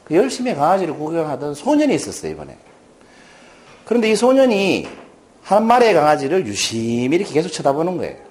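A man's voice: a little high, fast talker. A middle-aged man giving a storytelling lecture to a class, often asking the audience questions. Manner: animated, addresses audience with questions.

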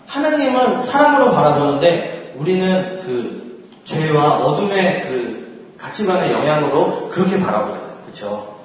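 Man, faith talk to a group, high lively voice, laughs often, miked from far off in an echoey hall. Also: unhurried. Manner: laughs often while talking; acts out quoted prayers and inner thoughts. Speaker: speaker at a church gathering.

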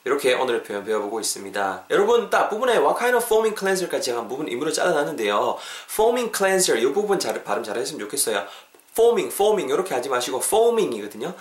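A male English teacher runs a casual podcast lesson, friendly and encouraging, drawing out key phrases slowly and saying them twice. His voice sits at an ordinary middle pitch. The room around him rings with noticeable echo.

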